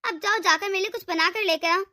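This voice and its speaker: A woman's voice: very high voice, fast, sharp tone. A woman voicing a domineering, scheming older mother-in-law in a Hindi cartoon, giving orders in a commanding tone. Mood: bossy. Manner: bossy, commanding.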